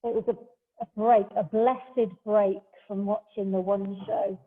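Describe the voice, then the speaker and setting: A woman leading a Pilates class, giving calm step-by-step cues mixed with chatty asides. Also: mid-range voice, measured pace. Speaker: Pilates instructor. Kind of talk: guiding an exercise class. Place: large hall, class streamed over a video call. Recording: echoey hall over a thin phone-like line.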